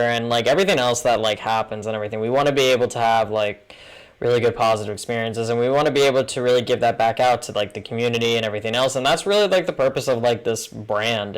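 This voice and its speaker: A man's voice: medium pitch, smooth, poor audio. A man, co-hosting a casual podcast and rambling with lots of filler words. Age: 20s. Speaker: podcast co-host. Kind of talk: casual chat.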